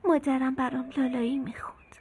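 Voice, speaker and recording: A woman dubbing a kind young orphan girl in a film, talking gently and eagerly, softly hushed when sad, over faint music. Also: high-pitched, little pitch movement. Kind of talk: dubbed film dialogue.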